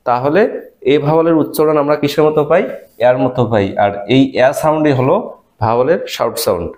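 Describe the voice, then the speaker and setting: A man teaching children English phonics, spelling out letters and sounding out each word slowly. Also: fairly high pitch, a little mellow. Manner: slow, spells letters then sounds out words.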